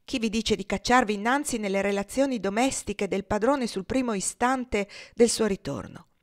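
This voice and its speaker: A woman's voice: medium pitch, steady tone, moderate pace, no room sound, close to an everyday voice. A woman voicing a young, vain, pompous male house servant who is haughty and fawning, in a dry storybook reading. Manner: haughty, self-important and fawning.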